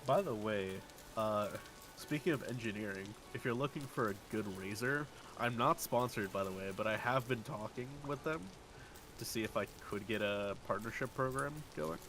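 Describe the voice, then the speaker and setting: A man streaming a game and chatting casually, wry and quick to laugh. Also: fairly low pitch, background noise. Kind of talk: casual gaming chat.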